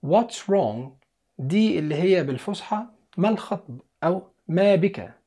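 An English teacher with an Egyptian Arabic accent who explains in Egyptian Arabic and says English words and sentences slowly and clearly for beginners. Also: mid-range voice, lively intonation, warm tone. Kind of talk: language lesson for beginners.

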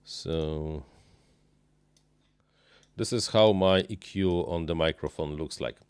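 Here's a nasal man in his thirties whose rumbling low voice sounds smooth and a little mellow. Streaming his RC model plane build from a small indoor workshop desk, he chats unscripted, stumbling through uhs, restarts, and non-native phrasing. There's no room sound on his close dynamic boom mic, and he wears headphones.

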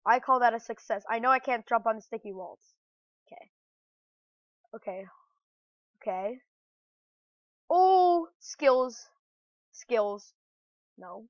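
A woman's voice: on the high side, normal speed, long pauses, a bit bright, dry recording. A woman playing a platform game and commentating casually, getting flustered and exclaiming at the game. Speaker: gamer. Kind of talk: let's play commentary. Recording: dull lo-fi dry recording.

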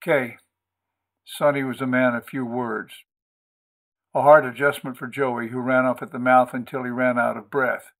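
Steady male audiobook reader. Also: mid-range voice, creaky. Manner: steady, measured reading. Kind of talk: audiobook narration.

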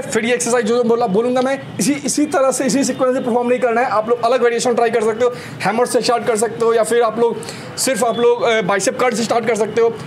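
On a rooftop terrace, traffic hums behind a high-voiced young trainer demonstrating a home workout. His coaching is brisk and energetic, full of counts and repeated "slowly slowly" prompts, captured in a noisy outdoor recording.

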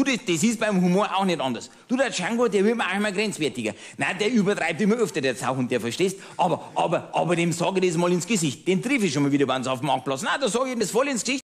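A man's voice: high voice, voice pushed up. A cabaret comedian playing a bigoted, middle-aged Bavarian man who rants smugly and keeps asking "verstehst?", speaking with a Bavarian accent. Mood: excited, chummy. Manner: ranting, self-satisfied, keeps asking "verstehst?". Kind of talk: cabaret monologue.

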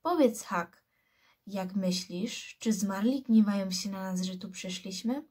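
A woman voicing a frightened boy who whispers in a graveyard, in a hushed storybook reading. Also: medium pitch, a little slow, breathy edge. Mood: fearful.

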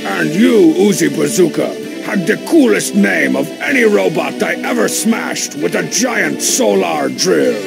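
A man voicing a short-tempered, boastful masked cartoon wrestler with a gravelly, brash, theatrical delivery. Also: sits high, expressive, measured pace, hardly any pauses, over music, heavily acted. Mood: heroic bravado. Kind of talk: cartoon voice acting.

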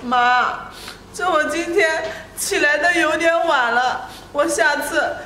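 A woman playing a timid, tearful young wife in a short family drama, speaking softly and pleadingly. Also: high voice, takes it slowly, full character voice. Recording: echoey room, faint background noise.

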